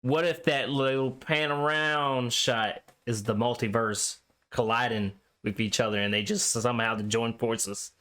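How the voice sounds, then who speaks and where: A man co-hosting a casual review chat, laid-back and quick to laugh, sometimes speeding up in bursts. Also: mid-range voice, fairly even intonation, a bit bright. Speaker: co-host.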